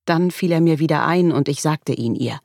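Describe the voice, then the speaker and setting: A woman reading a first-person story aloud in a wry, measured way. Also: low-pitched, vocal fry, a little mellow, dry recording, studio quality. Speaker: audiobook narrator. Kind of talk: first-person audiobook narration.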